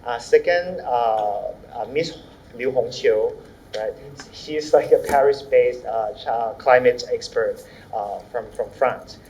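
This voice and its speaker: A man's voice: medium pitch, slow pace, darkish tone. A man moderating a panel with informal introductions, speaking hesitantly in loose phrases and searching for words. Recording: echoey, slightly dull, faint noise.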